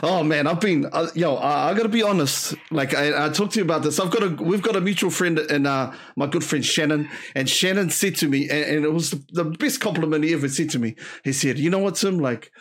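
A man's voice: on the high side, a little fast, few pauses, a bit bright. A man chatting casually and slangily as a podcast host. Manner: slangy, says bro often. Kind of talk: casual chat.

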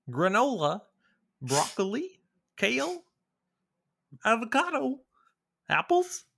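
Dude doing a squeaky cartoon guy, way high, bit gravelly. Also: fairly bright tone, heavily acted.

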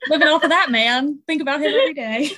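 A young woman from the East Coast chatting as a podcast co-host, quick and giggly, laughing at her own jokes. Her voice sits a little high. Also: sharp tone. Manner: fast-talking, giggly, self-mocking. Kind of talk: casual chat.

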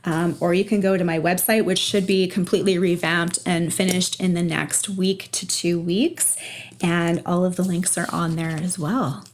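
A woman with a slightly low voice answers as a guest coach in an interview. She explains things conversationally, checking in for agreement as she goes. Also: steady tone, moderate pace. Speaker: energy and life coach, podcast guest.

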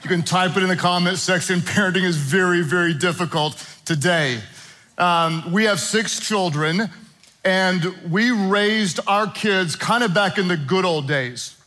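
A man's voice: high-pitched, unhurried, rough recording. A middle-aged man preaching a sermon to a church congregation, telling family stories with playful humor. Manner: animated storytelling with playful humor. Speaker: pastor. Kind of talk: sermon to a live and online congregation.

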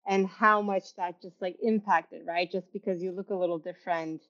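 A woman's voice: lowish voice, steady tone, moderate pace, a bit bright. A young woman from Turkey hosting an interview over a video call, chatty and full of restarts. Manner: chatty, many restarts and fillers, laughs often. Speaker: podcast host. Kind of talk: casual interview chat. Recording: slightly dull, lo-fi sound.

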